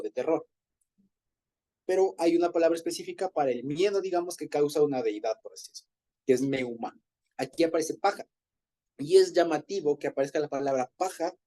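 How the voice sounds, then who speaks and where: A man's voice: a little high, warm tone. A man leading an informal group Bible study, explaining Hebrew words in a conversational way and often rephrasing himself.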